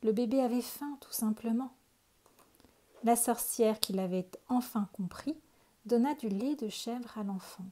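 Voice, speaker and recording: A woman calmly reading a children's picture book aloud. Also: fairly high pitch. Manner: calm, unhurried storytelling. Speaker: storyteller.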